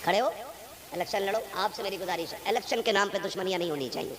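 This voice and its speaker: A male imam with a north Indian Urdu accent preaching a sermon, who tells stories and asks pointed rhetorical questions. He moves between quiet, chatty asides and loud, forceful exhortation. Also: high-pitched, a little hiss or hum. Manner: emphatic, swings from soft asides to loud exhortation; conversational storytelling with rhetorical questions. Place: religious gathering before a live audience. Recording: live gathering with audible crowd.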